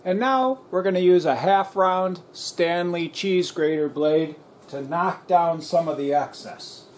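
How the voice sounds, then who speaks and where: A man's voice: on the high side, unhurried, reverberant, a little hiss or hum. A man narrating an auto body repair demonstration, explaining each step in a plain, practical way. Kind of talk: voice-over narration of a shop demonstration.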